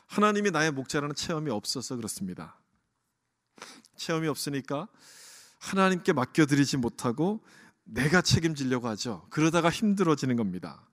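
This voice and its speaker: Male pastor, earnest sermon delivery that questions the congregation, slightly raised pitch, long church reverb. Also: lively intonation, brisk. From Korea. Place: church sanctuary.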